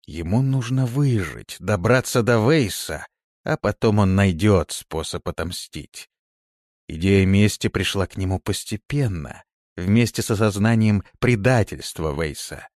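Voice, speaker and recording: A man narrating an audiobook in an expressive storytelling manner. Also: on the low side, measured pace, no room sound, studio quality.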